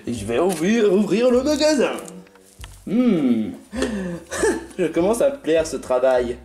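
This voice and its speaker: A woman voicing a scheming, bossy male fast-food boss in an amateur cartoon dub, halting and full of hesitations. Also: on the low side, sing-song, dark tone, faint music behind, voice pushed down. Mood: secretive.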